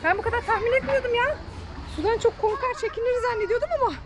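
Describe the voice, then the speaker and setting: A woman hosting a family vlog outdoors by a pool, coaxing and calling to her dog in a lively way. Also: very high-pitched, fast. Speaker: mother and vlog host. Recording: noisy outdoor recording.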